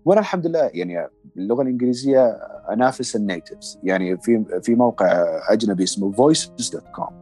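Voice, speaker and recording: A male voice-over artist chatting in an interview, talking fast with many fillers and restarts. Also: mid-range voice, expressive, warm tone, slightly rough, soft background music. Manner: quick, hesitant, many fillers. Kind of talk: casual interview chat.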